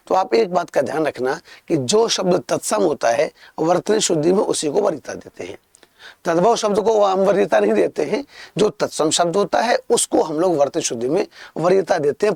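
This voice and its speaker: Male tutor, young, slightly high gravelly voice, dry close sound, patient and repetitive explainer. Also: darkish tone, dry recording. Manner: explains patiently, repeats key points, calls students "pyare bachchon". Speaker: Hindi exam-prep teacher. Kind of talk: online exam-prep lesson.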